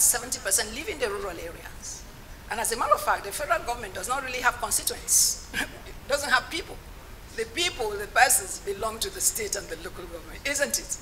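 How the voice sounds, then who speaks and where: A woman's voice: a little high, pushed and bright, low-quality recording. A Nigerian woman delivering an advocacy speech as an agency director, emphatic, with repeated phrases and rhetorical questions. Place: public forum. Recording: faint event background noise.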